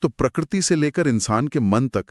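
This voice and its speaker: A man co-hosting a conversational retelling of scripture, narrating with expressive, dramatic pauses. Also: mid-range voice, no echo, studio quality. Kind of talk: conversational storytelling discussion.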